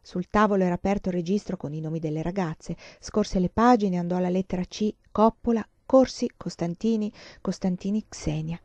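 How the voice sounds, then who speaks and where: Mellow-voiced woman reading a novel. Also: fairly low pitch, no echo, highs cut off. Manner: measured, expressive reading. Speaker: audiobook reader. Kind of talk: literary narration.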